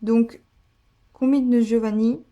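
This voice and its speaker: The sound is lo-fi, and the woman's voice is on the high side yet dark, steady, and slow. She's a card-opening vlogger chatting casually through a pack opening, gushing over her cards and using many fillers.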